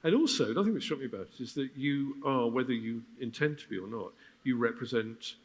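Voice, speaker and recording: A man acts as host of a live panel interview. His pitch is middling, and he talks in a casual, conversational style. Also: animated, fast talker.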